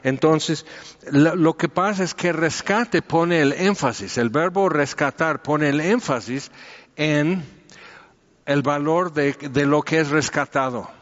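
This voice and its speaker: A man giving a conversational sermon. He explains with everyday examples and fills his pauses with "este". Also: a little high. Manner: explanatory, uses homely examples and many fillers. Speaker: preacher. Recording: dull echoey hall recording.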